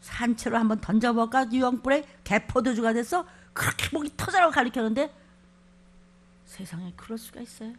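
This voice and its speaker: Woman pastor, high-pitched, fiery sermon delivery with sudden shouts and quiet scolding. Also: fairly quick. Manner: swings from quiet asides to shouted scripture, scolding. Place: church.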